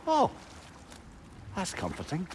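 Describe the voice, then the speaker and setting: Mimir, a lilting, animated sage. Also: male voice, high-pitched, slow, background noise, full character voice. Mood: wry, exasperated. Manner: wry, chatty, expressive. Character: witty, sardonic, talkative old male sage companion. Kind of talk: dramatic video game acting.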